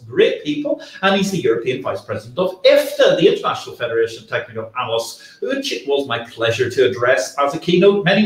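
A middle-aged man hosts a livestream in a fairly high, very animated voice. His delivery is theatrical and effusive, with long flowing sentences, and the room sounds echoey. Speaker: livestream host. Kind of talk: presenting a finance livestream. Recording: roomy echo.

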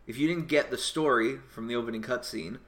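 Bright-voiced joking American podcast host. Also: male voice, medium pitch, fairly quick. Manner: joking, self-mocking banter. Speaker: podcast host, gaming historian. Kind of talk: casual podcast chat.

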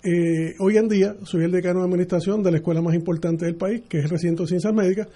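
High, warm, and husky, with fairly even intonation, this voice belongs to a middle-aged mayoral candidate from Puerto Rico. Interviewed on radio in a Puerto Rican Spanish accent, he answers earnestly but haltingly, restarting many times.

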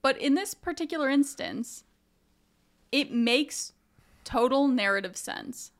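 A woman co-hosting a podcast in casual chat, quick with asides and often laughing. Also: high voice, lively intonation. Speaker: podcast co-host.

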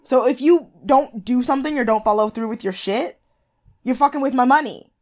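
A woman's voice: sits high, brisk, darkish tone. A woman co-hosting a podcast, chatting casually and bluntly, swearing freely and filling with "like". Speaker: podcast co-host. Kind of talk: casual recap chat.

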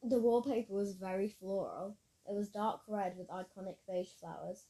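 A woman's voice: medium pitch, steady tone, moderate pace, mellow, rough recording. A woman reading her own story aloud in a plain storytelling manner, with occasional slips. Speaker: narrator.

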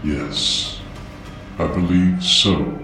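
A solemn, dignified Grim Reaper speaks in a hushed voice that sits very low and drags along slowly, as a man narrating the story puts him on. The sound is far off and heavily echoing, as if carried through a vast chamber. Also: steady tone, gravelly, soft background music, full character voice. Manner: slow, hushed and measured.

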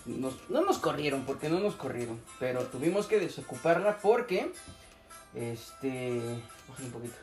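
A young man's voice, on the high side and a little mellow, carries a Mexican Spanish accent. As a podcast co-host, he tells a story in casual, joking chat full of profanity, recorded in an echoey room with faint music.

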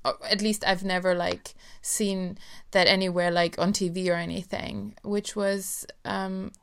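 Girl hosting a podcast, super clear smooth voice, gushy and casual, medium pitch. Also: level tone, unhurried, fairly bright tone. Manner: gushing, effusive. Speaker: podcast host. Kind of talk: casual interview chat.

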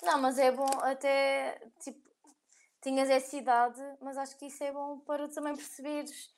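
A woman's voice: sits high, little pitch movement, moderate pace, slight background noise. A young woman with a European Portuguese accent, co-hosting a podcast in casual, filler-heavy chat. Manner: chatty, laughs often, filler-heavy. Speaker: podcast co-host.

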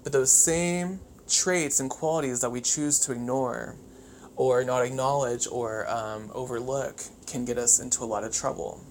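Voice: medium pitch, fairly even intonation, normal speed, darkish tone. A podcast host talking casually and solo with wired, chattery, over-caffeinated energy, swearing freely. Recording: clear background noise.

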